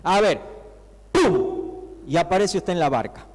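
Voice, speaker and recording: A man with an Argentine Spanish accent preaching a sermon as a pastor, talking to the congregation with many rhetorical questions and acting out the shouting disciples. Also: high-pitched, lively intonation, a little fast. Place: church hall. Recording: long reverb of a church hall.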